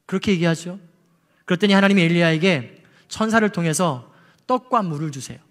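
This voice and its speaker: Lively high-voiced male pastor preaching. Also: in a large hall. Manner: storytelling, acts out quoted voices, lively and emotional. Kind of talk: sermon. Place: church sanctuary.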